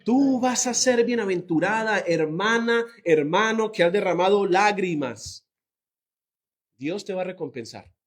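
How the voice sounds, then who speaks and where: A man's voice: sits high, a little slow. A man preaching a sermon to his congregation, asking them questions and drawing out key words. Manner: lively, stretching out key words. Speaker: pastor.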